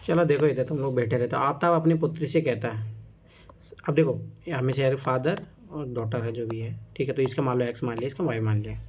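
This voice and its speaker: A man's voice: medium pitch, brisk, a little mellow, slight background noise. A man teaching a casual exam-coaching class, emphatic and repetitive, often teasing his students. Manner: emphatic and repetitive, keeps saying "look now"; chatty, teases students. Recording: dull lo-fi recording.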